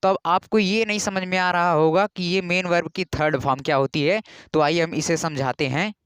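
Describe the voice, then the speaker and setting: High, clear-voiced teacher repeating rules. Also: male voice, steady tone, a bit bright, no room sound. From India. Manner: patient, repeats key rules, spells out words slowly. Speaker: English grammar teacher. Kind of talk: classroom grammar lesson.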